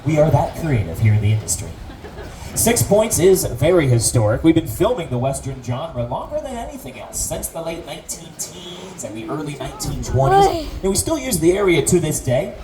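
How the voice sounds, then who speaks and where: A tour guide delivering lively scripted narration with a theatrical, joking manner and mock alarm, outdoors on a tram. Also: mid-range voice, normal speed, crowd noise.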